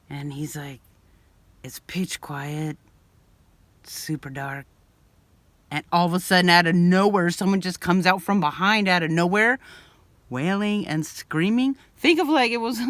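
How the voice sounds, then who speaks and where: A woman vlogger telling a story to camera in an animated way, acting out scenes and yelling some lines. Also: lowish voice, no echo. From Bay Area, California. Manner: expressive, acts out scenes with loud bleeped yelling. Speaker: van life vlogger.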